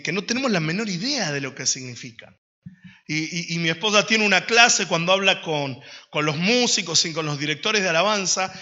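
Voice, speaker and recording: A young man, a pastor, preaching a lively sermon to his congregation with a strong, powerful voice and jokes along the way. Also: high-pitched. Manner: animated storytelling with jokes and laughter. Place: church hall. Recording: long church-hall reverb.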